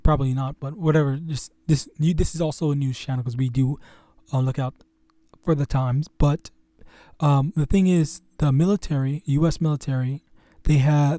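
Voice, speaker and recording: A man hosting his own religious channel, teaching scripture informally in a halting, stuttering way full of fillers and restarts. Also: a little high, warm tone, dry recording.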